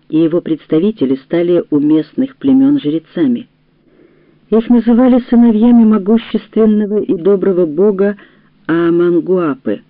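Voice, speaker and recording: A woman reading an audiobook in a measured, deliberate narration. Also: deep voice, no echo. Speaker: audiobook reader. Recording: tinny phone-like, dry sound.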